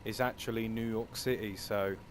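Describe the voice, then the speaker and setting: A man with a Cornish accent and a fairly low voice chats casually over gameplay. He rambles in an easygoing way and often repeats his words. Vehicle noise is clearly audible behind him. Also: steady tone, normal speed. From Cornwall, southwest England. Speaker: game livestreamer chatting with viewers.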